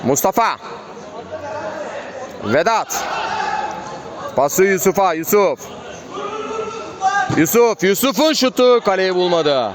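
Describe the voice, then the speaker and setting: A man's voice: high-pitched, expressive, takes it slowly, long pauses. A man giving live play-by-play football commentary in short, clipped phrases, calling out player names. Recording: crowd and outdoor urban noise behind. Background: crowd at an outdoor match.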